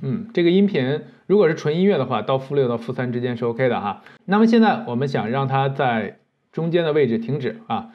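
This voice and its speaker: Lively man teaching video editing. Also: medium pitch, highs cut off. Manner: patient, explanatory, with many fillers. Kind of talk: screen-recorded software tutorial.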